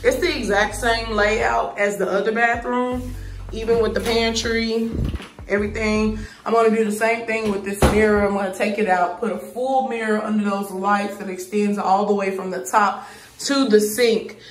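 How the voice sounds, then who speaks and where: A woman with a mid-range, level voice walks through her new empty apartment at a moderate pace, holding a phone camera and chatting straight to viewers in casual slang. The audio is poor, with music in the background.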